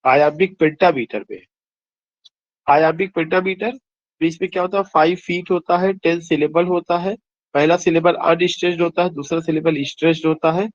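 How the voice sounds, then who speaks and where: A man teaching an exam-prep lecture, explaining quiz answers by asking and answering his own questions and reading the English question text slowly. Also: a little high, steady tone, no echo, lo-fi sound.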